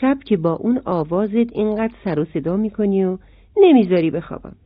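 A woman's voice: medium pitch, expressive, dry recording, close to an everyday voice. A woman doing a grumpy, snapping ladybug. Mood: angry. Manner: irritable, snapping. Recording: dry, phone-like sound.

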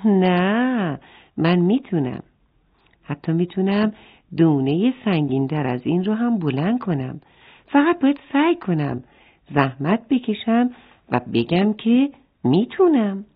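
A woman's voice: on the low side, sing-song, slightly rough. A woman doing a tiny, determined ant. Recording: phone-like narrow band.

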